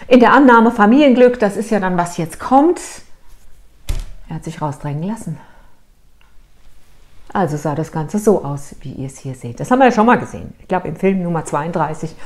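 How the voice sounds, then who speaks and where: A middle-aged woman therapist telling a client's case to a video audience, asking questions and answering them herself, sometimes dropping to a hush. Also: on the low side, normal speed. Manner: lively, rhetorical questions, answers herself, dramatic drops to a hush. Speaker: therapist in private practice.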